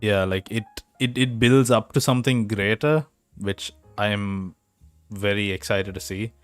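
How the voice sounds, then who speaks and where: Lowish, a little slow, clear and resonant, this young man's voice comes through a home mic on a voice call that occasionally drops out. Co-hosting a podcast, he jokes and rambles casually, full of fillers, with no echo and soft music playing in the background.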